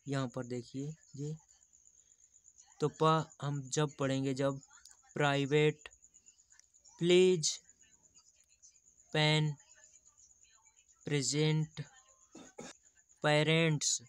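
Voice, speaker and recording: Male tutor, slow, patient, crisp dry close voice. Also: a little high, flat delivery, no room sound. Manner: slow, explains patiently, repeats examples. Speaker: teacher. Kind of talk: teaching English pronunciation in Hindi.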